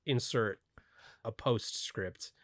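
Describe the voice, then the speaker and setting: A man's voice: fairly low pitch, slow pace, a crowd in the background. A young man co-hosting a podcast in casual chat, with an offhand, dry joking manner. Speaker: podcast co-host.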